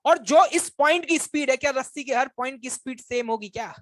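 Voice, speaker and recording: A male physics teacher giving a classroom lecture, constantly quizzing his students with quick questions and teasing them to check they follow. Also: very high-pitched, a bit bright, no echo. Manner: coaxing, teasing.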